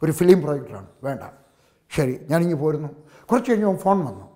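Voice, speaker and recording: An older male pastor preaching a sermon, telling a story that swings from hushed passages to loud exclamations and calls of hallelujah. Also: a little high, very animated, fast.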